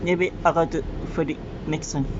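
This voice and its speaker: Halting, flat-toned vlogger over loud traffic noise. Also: mid-range voice. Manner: halting, fragmented phrasing. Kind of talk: live spoken vlog commentary. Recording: dull audio, loud vehicle noise.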